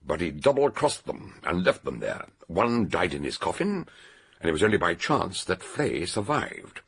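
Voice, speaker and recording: Acting in a radio detective drama, a man voices an eccentric old British detective explaining how a murder was done. His deep voice is thoroughly rough, full of fry and husk, and he delivers it deliberately and theatrically with lively rises and falls. He comes across as animated and authoritative, with a little hiss or hum in the recording.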